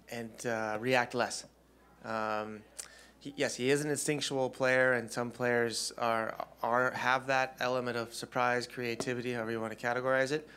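A man in his forties, head coach at a postgame press conference, answering at a desk mic in a press room with measured, thoughtful replies and frequent ums. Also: mid-range voice, bright, forceful tone, clear, resonant tone. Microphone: desk mic on stand.

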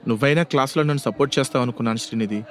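A man's voice: mid-range voice, quick pace, close to an everyday voice. A man voicing a struggling young male college student who speaks meekly and apologetically. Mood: dejected. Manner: meek, apologetic.

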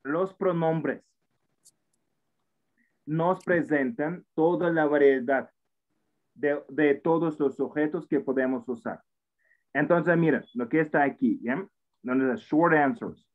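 A man's voice: fairly high pitch, takes it slowly, long pauses. Man teaching over a tinny line. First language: Russian. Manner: explanatory, frequent tag questions and restarts. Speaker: language teacher. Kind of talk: online English class taught in Spanish. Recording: tinny phone-like audio over a call.

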